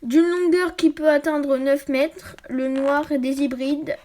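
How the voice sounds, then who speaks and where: A woman reading a book aloud for her channel. She often trips over words, corrects herself, and drops into quick, quiet asides. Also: sits high, fairly even intonation, a little hiss or hum. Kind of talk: casual read-aloud with asides.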